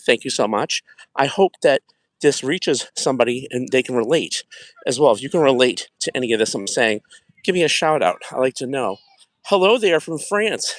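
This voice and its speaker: In a mid-range voice with no echo, a middle-aged wellness host livestreams casually from an outdoor track at night. He walks and chats in a reflective way, warmly calling out viewers by name.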